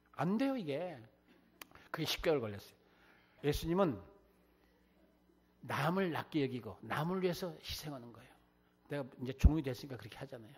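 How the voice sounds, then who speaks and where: 교회에서 자신의 간증을 섞어 설교하는 나이 든 남자 목사로, 목소리가 약간 허스키하고 인용하는 사람들의 말투를 생생하게 흉내 낸다. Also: male voice, medium pitch, slightly rough. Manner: animated storytelling, acting out quoted voices. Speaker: guest preacher, missionary. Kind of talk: testimony sermon. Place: church.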